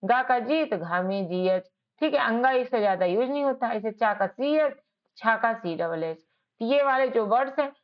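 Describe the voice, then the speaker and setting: A woman teaching basic spelling, sounding words out letter by letter and checking in often with "ok". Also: on the high side. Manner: checks in with "ok" and "theek hai". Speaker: English teacher. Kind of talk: slow spelling lesson. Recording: dull lo-fi sound.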